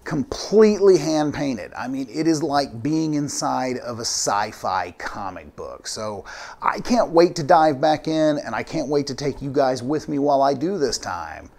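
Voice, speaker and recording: A man's voice: medium pitch, animated, a little slow, gravelly, a little mellow. A man hosting a VR gaming channel with casual, playful, effusive, chatty commentary.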